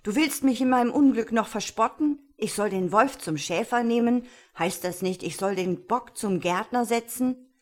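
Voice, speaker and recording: A woman doing an aggrieved shouting shepherd. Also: medium pitch, animated, pitched above the performer's own voice, lightly acted. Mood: upset. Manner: loud, aggrieved and quick-tempered. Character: upset grown man, a shepherd.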